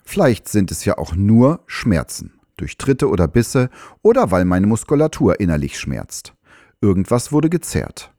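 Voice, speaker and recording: A man, a farrier, giving calm, measured advice in scripted explanatory narration. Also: deep voice, no room sound, studio quality.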